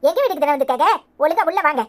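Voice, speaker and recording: A woman doing a shrill bossy village housewife. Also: animated. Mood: chiding. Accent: Tirunelveli Tamil. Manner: brisk, bossy, chiding. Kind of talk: cartoon voice acting.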